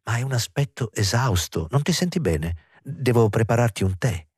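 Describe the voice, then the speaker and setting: A man reading an audiobook voices a gentle, doting middle-aged mother who speaks softly and anxiously. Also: medium pitch, animated, moderate pace, husky, no echo, studio quality. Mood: anxious tender.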